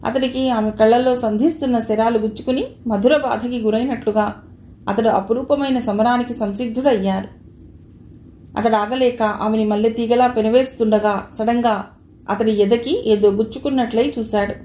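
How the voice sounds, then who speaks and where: A woman reading a novel aloud, narrating in a smooth, steady storytelling voice. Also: a little high, normal speed, slight background noise. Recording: echoey room.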